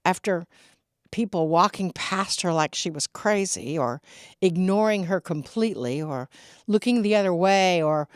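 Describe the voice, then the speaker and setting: A middle-aged woman giving an inspirational spiritual talk, slow and reflective, with laughs between her stories. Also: fairly low pitch, expressive, smooth, no echo, studio quality.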